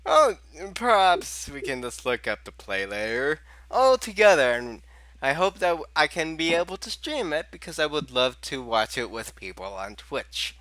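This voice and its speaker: A man's voice: on the high side, sing-song, normal speed, sharp tone, no echo. A man running a live-streamed tabletop game, chatting casually and laughing often. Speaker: dungeon master and streamer.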